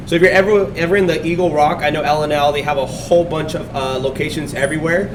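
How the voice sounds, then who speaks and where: A man hosts a casual sit-down interview in a restaurant, loose and unhurried, full of ums and restarts. The mic sits back from him, so he sounds a bit distant, and an air-conditioning hum runs steadily underneath. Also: fairly high pitch. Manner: relaxed, many fillers and restarts. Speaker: podcast host. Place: restaurant dining room.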